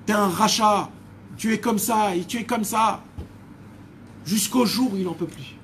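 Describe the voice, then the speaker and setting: High-voiced man telling a Torah story. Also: a little slow, fairly bright tone, slight background noise. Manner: dramatic storytelling, addresses listeners as friends. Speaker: religious teacher.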